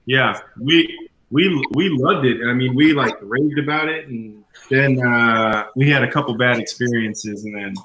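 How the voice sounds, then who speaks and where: Bright-voiced man rambling on. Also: medium pitch, a little slow, a little hiss or hum. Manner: rambling, lots of fillers. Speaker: guest. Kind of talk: casual chat.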